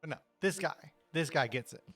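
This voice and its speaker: A man's voice: a little high, animated, fairly quick, fairly bright tone, no room sound, soft background music. A man playing a swaggering, swearing henchman. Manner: laid-back, swearing, stoner-like drawl. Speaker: game master. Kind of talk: voicing a character in a tabletop game.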